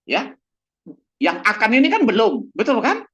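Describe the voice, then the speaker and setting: Animated male pastor preaching. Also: high-pitched, unhurried, husky, highs cut off. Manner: animated, acts out little dialogues with humor. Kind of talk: lively sermon.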